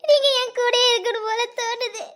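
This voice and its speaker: A woman's voice: very high-pitched, normal speed. A woman playing a heartbroken young woman who sobs and begs her lover not to leave. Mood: sobbing, begging. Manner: sobbing, begging, repeating herself. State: crying. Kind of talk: Tamil web drama voice acting.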